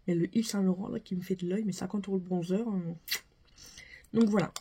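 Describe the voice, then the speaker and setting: A woman's voice: mid-range voice, fairly even intonation, fast, noisy background. Chatty young woman vlogger. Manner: chatty, full of fillers like "franchement" and "euh". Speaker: beauty vlogger. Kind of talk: casual makeup haul chat.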